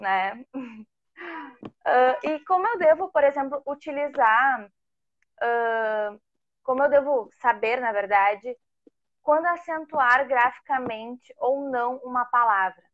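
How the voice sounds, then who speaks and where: Woman host, slightly high voice, relaxed questions, dull lo-fi stream audio. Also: slow pace, slight background noise. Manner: relaxed, conversational, asks questions. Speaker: host interviewing a teacher. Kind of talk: casual live chat.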